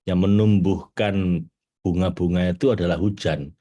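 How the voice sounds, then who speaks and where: A middle-aged spiritual trainer gives a lively teaching talk to an audience, animated throughout, rising into high excited bursts and slowing down to read quotes.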